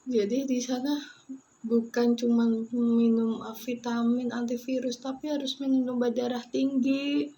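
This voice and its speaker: Slow-talking tearful young woman vlogger. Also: on the high side, little pitch movement, warm tone, slight background noise. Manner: tearful, tired, halting speech with restarts. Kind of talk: emotional personal vlog storytelling. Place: isolation ward room.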